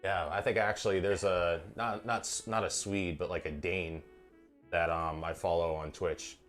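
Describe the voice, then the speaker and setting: Low-voiced guy cooking in his kitchen on stream, kinda drunk, cussing and joking, a little music playing. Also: flat delivery, normal speed, a bit bright. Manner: profane, joking banter. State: tipsy from wine. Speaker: home cooking livestream host. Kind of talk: casual cooking stream chat. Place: home kitchen.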